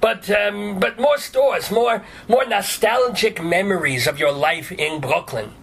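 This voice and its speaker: A man hosting a joking, casual interview in a playful, wisecracking way with Yiddish-flavored asides, on a recording with a low rumble. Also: a little slow, a bit bright. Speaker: talk show host.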